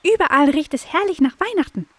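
A woman voicing a chirpy little female blackbird in a children's audio story, squeaky and excitable. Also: fairly quick, no room sound.

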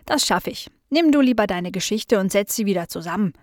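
A woman playing a timid little mother mouse, soft and apologetic, storybook, dry close sound. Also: mid-range voice, animated, brisk, no room sound, close to an everyday voice. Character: small shy mother mouse.

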